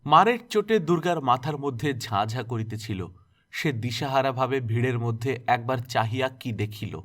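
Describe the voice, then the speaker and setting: A man reading a classic novel aloud as an expressive storyteller. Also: mid-range voice, normal speed. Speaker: story narrator.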